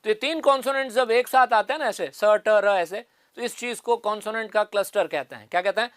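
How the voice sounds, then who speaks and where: A man's voice: high voice, quick pace, fairly bright tone, dry recording, clean studio sound. A man teaching an exam-prep phonetics lesson, explaining step by step and repeating the key answers.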